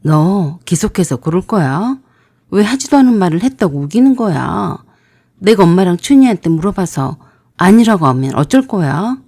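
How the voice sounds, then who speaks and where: A woman voicing a defensive young man who brushes off his fiancée, speaking lower and slower in a dry recording. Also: lively intonation, warm tone, dry recording. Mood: irritated. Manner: lower, slower, irritated insistence.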